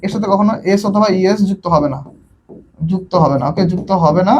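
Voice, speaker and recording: A man's voice: high voice, fast talker, dull audio, a little hiss or hum. A young Bangladeshi man teaching a live online English class, quizzing his students and repeating his questions.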